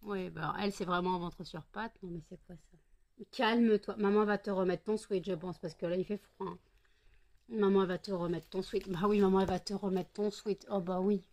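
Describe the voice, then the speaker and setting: A woman's voice: mid-range voice, fairly even intonation, brisk, darkish tone. French woman, tired home vlogger, chatty, coos at her dogs. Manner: chatty, talks baby-talk to her dogs. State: tired, sleepy. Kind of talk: casual home vlog.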